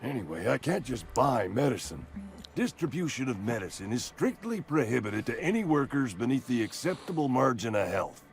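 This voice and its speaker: An actor playing a nervous, fatalistic company worker in a video game, ailing and doom-laden, with quaintly formal, folksy talk. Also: male voice, medium pitch, sing-song, normal speed. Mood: conspiratorial, resigned. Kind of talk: video game character acting.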